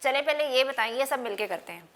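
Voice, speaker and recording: A woman's voice: sits high, lively intonation, fairly quick, a bit bright. A woman teaching an English phonics class, spelling words out letter by letter and mixing Hindi-Urdu with English. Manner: calls out to students by name.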